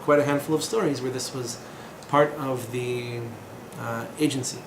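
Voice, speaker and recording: A man in his thirties teaches a class in a small, echoey room with background noise, lecturing informally with digressions, fillers, asides and sardonic jokes. His mid-range voice keeps a steady tone at a moderate pace.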